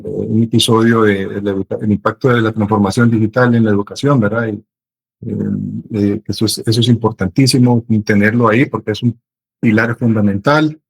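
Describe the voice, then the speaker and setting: A middle-aged business consultant from Honduras answers interview questions at a measured pace. His voice has a slightly husky, breathy edge. He often pauses, restarts and gathers his thoughts mid-sentence. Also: lowish voice, rough recording.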